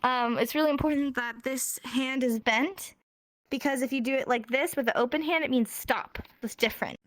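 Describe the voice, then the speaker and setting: A woman's voice: sits high, normal speed, no echo. An American woman teaching a casual sign language class, upbeat and encouraging, laughing often. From United States. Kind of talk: casual live class in a virtual world.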